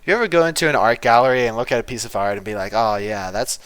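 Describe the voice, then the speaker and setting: Rambling deadpan man, dry sound. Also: mid-range voice, racing, no echo. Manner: rambling, filler-heavy, deadpan absurd humor. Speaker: game developer and video host. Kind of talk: casual devlog chat.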